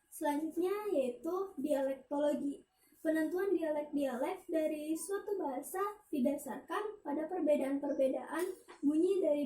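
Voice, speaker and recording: A woman's voice: high voice, dark tone. A young woman student giving a recited class presentation, listing points in order one by one. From Indonesia. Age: young adult. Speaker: university student presenting coursework. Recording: echoey room, distant mic, faint hiss.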